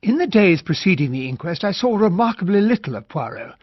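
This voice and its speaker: A proper, earnest English army captain from a radio mystery. His voice is lightly husky and on the high side. The sound is slightly muffled. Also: very animated, brisk, no room sound. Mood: measured narration. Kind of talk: radio drama dialogue and narration.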